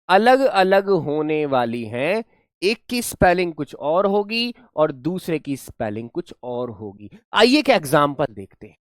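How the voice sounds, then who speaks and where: A man's voice: high-pitched, clear, resonant tone, dry recording, studio quality. A man teaching an online English class, mixing Hindi and English, spelling words out letter by letter and scolding students playfully. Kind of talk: online class lecture in Hinglish.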